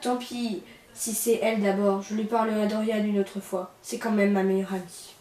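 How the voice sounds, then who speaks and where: A woman's voice: mid-range voice, little pitch movement, normal speed, mellow, distant mic, lightly acted. A remorseful, sincere girl, acted by a woman, speaking in a middle voice. She is recorded off-mic in an echoey room with faint noise. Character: remorseful girl apologizing to her best friend. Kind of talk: amateur film acting.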